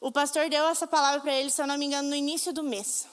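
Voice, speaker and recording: Woman preacher, high and fervent, acts out the dialogue, church reverb. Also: flat delivery, rapid-fire. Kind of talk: sermon.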